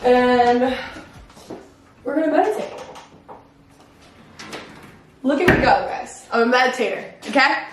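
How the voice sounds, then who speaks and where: Young female vlogger, casual and self-mocking, somewhat high voice, roomy garage echo. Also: moderate pace, a little hiss or hum. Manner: chatty, filler-heavy, self-mocking. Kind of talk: casual vlog chat. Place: home garage.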